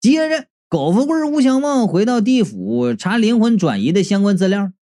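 A woman reading a comic story aloud in an animated, exclamatory storyteller's manner. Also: fairly high pitch, normal speed. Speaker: audiobook reader.

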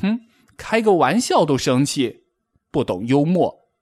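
A man's voice: a little high, big pitch swings, measured pace, darkish tone, pitched above the performer's own voice. A man playing a cheeky teasing frog boy. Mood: annoyed. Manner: mocking, sing-song. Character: cheeky young male frog, playful teaser.

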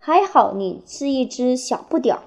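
A woman voicing a gentle, chuckling old lizard granny while reading a storybook aloud. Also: high-pitched, expressive, unhurried. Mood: kindly.

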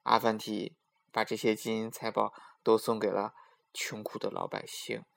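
A man telling a folk tale to children in a gentle, sing-song way, asking them questions. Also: fairly low pitch, flat delivery, moderate pace, gravelly. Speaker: children's storyteller. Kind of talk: storytelling for children.

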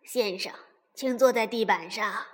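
A woman voicing a small, brisk male mouse dentist in a children's story who gives firm orders. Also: medium pitch, pitched below the performer's own voice, natural voice. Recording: long reverb.

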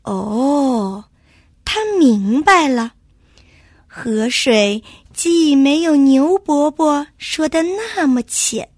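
A woman, a kindergarten teacher, telling a children's story in a slow, expressive way. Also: sits high, no room sound, studio quality.

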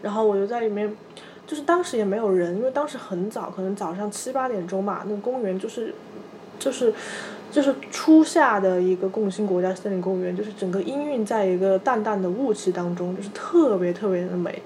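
A woman in her thirties, a podcast co-host, telling a personal story in a soft, halting way, often repeating small fillers. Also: medium pitch, slight background noise. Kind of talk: personal storytelling in casual chat.

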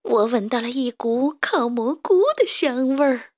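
A woman's voice: a little high, a little slow, darkish tone, dry recording, lo-fi sound. A woman storyteller voicing a dim-witted, greedy male rat henchman who talks eagerly. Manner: eager, silly.

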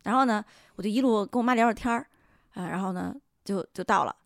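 A woman's voice: mid-range voice, fast, gravelly, dry recording, studio quality. A woman hosting a podcast, telling a story in casual chat and acting out the voices she quotes. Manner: animated, laughs often, acts out quoted voices. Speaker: podcast host.

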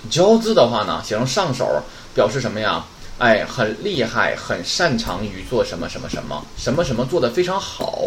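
A man teaching Japanese vocabulary in a chatty way, often asking a question and answering it himself. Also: a little hiss or hum. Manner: chatty, asks rhetorical questions and answers them; lively, swinging pitch. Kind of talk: casual vocabulary lesson.

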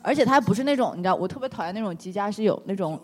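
A woman from Northeast China, co-hosting a casual chat and telling stories lively while acting out the quotes. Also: medium pitch, racing, soft background music. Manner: lively storyteller who acts out quotes. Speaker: podcast co-host.

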